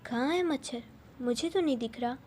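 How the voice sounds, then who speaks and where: A woman's voice: high voice, normal speed, a little mellow, a little hiss or hum, close to an everyday voice. A woman doing Arushi, a teasing young wife. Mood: puzzled.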